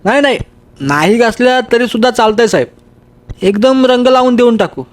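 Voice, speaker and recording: A man's voice: very high voice, expressive, a little fast, voice pushed up. A man voicing a lazy, cross-eyed male laborer who coaxes and complains. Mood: wheedling. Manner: coaxing, complaining, calls everyone sir.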